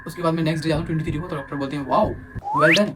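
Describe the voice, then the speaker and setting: A young man casually telling a personal story as a vlogger, animated and acting out what others said. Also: a little high, rapid-fire, very noisy. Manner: animated, quotes others in acted asides. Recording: music playing underneath.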